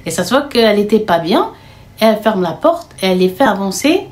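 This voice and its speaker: A woman's voice: medium pitch, big pitch swings, fairly quick. A young woman telling a dramatic story in a casual, conversational storytime style, with slang and fillers.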